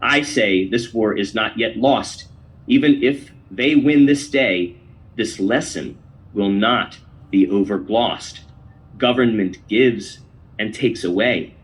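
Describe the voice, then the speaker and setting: A man's voice: fairly low pitch, slow, poor audio. A man hosting a podcast, giving opinion commentary and reading a poem aloud in an emphatic, declamatory way. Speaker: podcast host.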